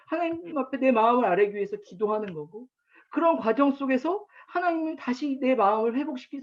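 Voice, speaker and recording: A man in his thirties preaching at an online chapel, telling stories about his daughter and acting out her lines. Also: very high-pitched. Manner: warm storytelling with acted quotes of his daughter. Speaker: campus ministry pastor. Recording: dull lo-fi online chapel recording.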